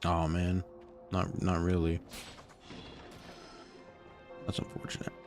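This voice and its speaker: A man's voice: low-pitched, completely flat delivery, takes it slowly, music in the background. A tired young man casually commenting while streaming a video game, rambling with lots of fillers and restarts. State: tired, yawning.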